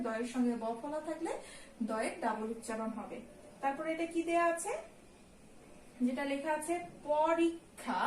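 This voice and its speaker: A woman, a college teacher, giving a recorded lesson. She explains slowly, step by step, and keeps checking in with her students. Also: high voice, darkish tone. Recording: echoey room, distant mic, faint ambient noise.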